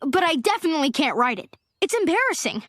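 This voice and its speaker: Put-upon young cartoon boy: very high, lively, earnest, loud music underneath. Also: fast. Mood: glum.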